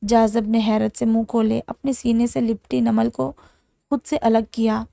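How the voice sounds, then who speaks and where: Gravelly-voiced woman narrating a novel. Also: a little high, level tone, mellow, no echo, clean studio sound. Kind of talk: dramatic audiobook narration.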